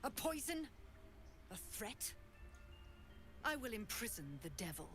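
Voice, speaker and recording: A woman's voice: on the high side, sing-song, unhurried, over music. A woman playing a haughty, merciless druid leader in a video game, commanding and theatrical in her threats. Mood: contemptuous, menacing. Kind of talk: dramatic video game acting.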